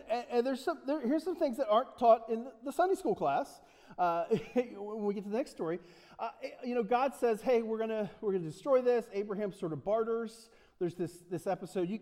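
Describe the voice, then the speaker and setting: A man's voice: sits high, darkish tone, long reverb tail. A man from the United States preaching a casual sermon in a church, joking and chatty, with many fillers and restarts. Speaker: pastor.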